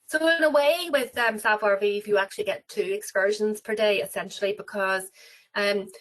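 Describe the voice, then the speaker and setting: A woman's voice: medium pitch, moderate pace, fairly bright tone, rough recording. A woman with an Irish accent, talking about cruises in a webinar interview, rambling with many fillers and restarts. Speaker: travel company representative.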